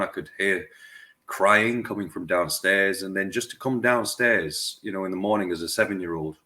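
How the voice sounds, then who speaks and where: A man, a dentist telling his life story as a podcast guest in an unhurried, reflective way. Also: low voice, pushed and bright. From West Yorkshire, England. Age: 40s. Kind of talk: reflective conversational interview.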